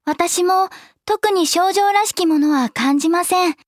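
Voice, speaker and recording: A woman's voice: very high voice, a little slow, dry recording, clean studio sound. A woman acting a polite, earnest young girl adventurer in a fantasy drama, meek and formal. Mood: timid, puzzled. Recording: music under the voice.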